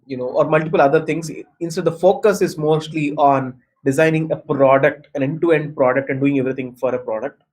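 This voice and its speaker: Higher-voiced Indian man explaining as a mentor. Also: poor audio. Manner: emphatic, repetitive, often checks with "right?". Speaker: workshop speaker, design mentor. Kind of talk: explanatory talk answering questions.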